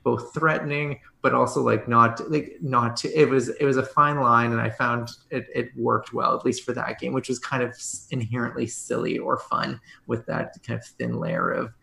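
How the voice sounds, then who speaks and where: A man with a gravelly, bright and tense voice chats about tabletop games in a loose, rambling way. He hedges and restarts often. His voice sounds echoey, as if recorded in a bare room. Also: mid-range voice, steady tone, moderate pace, few pauses, a little hiss or hum. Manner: rambling, hedging, full of restarts. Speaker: podcast guest, game master. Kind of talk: casual conversation.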